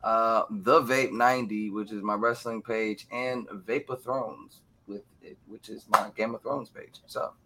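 A man's voice: on the low side, steady tone, measured pace, hardly any pauses, noisy background. A man chatting casually on a panel as an online creator, frank and slangy, with some swearing. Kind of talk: casual group chat.

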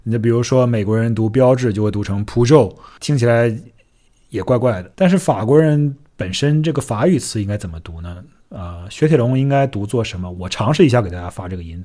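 A man hosting a casual solo podcast, chatty and self-deprecating, who drops English words into his talk and slows down to sound out foreign words carefully. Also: fairly low pitch, dark tone. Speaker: podcast host.

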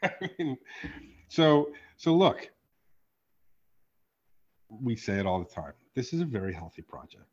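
This podcast host, also a card artist, has a somewhat husky voice and an animated, profane way of talking. His delivery lurches from loud bursts to quiet muttered asides, all captured in slightly muffled, lo-fi sound.

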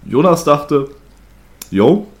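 A podcast host with a cold, sounding slightly congested, chats casually with lots of fillers and bursts of laughter. His fairly high voice swings widely in pitch and he draws out words. He records on his own home microphone setup.

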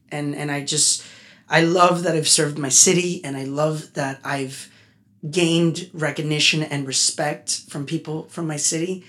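Animated, talkative male musician guest. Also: on the high side. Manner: animated, talkative, gets emotional. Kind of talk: casual podcast interview.

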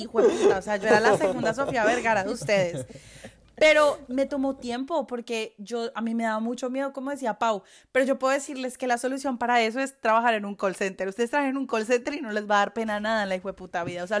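A woman's voice: fairly high pitch, quick pace. A woman from Colombia with a Colombian accent, chatting casually on a podcast and swearing freely. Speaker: podcast co-host.

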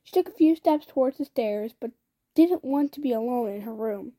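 A woman's voice: fairly high pitch, normal speed, warm tone. A young woman casually reading a novel aloud, often stumbling and restarting phrases. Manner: reads with frequent slips and restarts. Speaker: reader.

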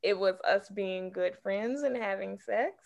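A woman's voice: medium pitch, unhurried, gravelly, darkish tone, muffled recording. A woman who is a podcast guest, frankly telling a personal story in casual chat.

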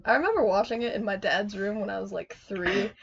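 A woman's voice: medium pitch, a little fast, gravelly, breathy edge. A teenage girl co-hosting a casual podcast, giggling often and swearing freely. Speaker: podcast co-host. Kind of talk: casual chat. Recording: dull lo-fi recording.

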